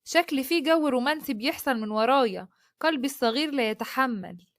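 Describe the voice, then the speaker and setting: A woman voicing a sweet, playful young woman, speaking in a gentle, teasing way. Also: high-pitched, expressive, fairly quick, dry recording, studio quality.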